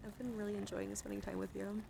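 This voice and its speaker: A woman who hosts ASMR livestreams chats casually with her viewers, slangy and informal. Her mid-range voice stays level and creaky as she talks fast over some background noise.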